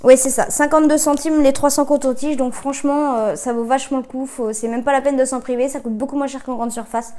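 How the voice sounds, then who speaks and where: A woman's voice: high-pitched, fairly even intonation, a little fast, few pauses, dark tone. A woman vlogger talking casually through her shopping haul, with lots of hesitations and self-corrections, filmed on her phone at home. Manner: chatty, many filler hesitations and self-corrections. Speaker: vlogger reviewing discount-store buys. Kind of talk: casual chatty product haul. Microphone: phone camera.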